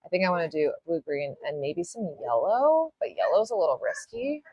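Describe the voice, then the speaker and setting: A woman with a low voice whose pitch moves a lot, talking through a live nail art tutorial. Her talk rambles, she apologizes often, and she swears now and then. The sound is dry and close. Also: wildly swooping pitch, moderate pace, a little mellow, dry recording. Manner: casual, with mild swearing. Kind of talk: live-stream tutorial chat.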